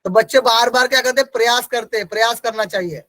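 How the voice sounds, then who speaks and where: A man teaches an exam-prep class in a strikingly high voice. He keeps asking the class questions, answers them himself and repeats each key term. The sound is close and dry, with no room around it. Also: fast talker, bright, forceful tone, dry recording, rough recording. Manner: repeats key terms for emphasis.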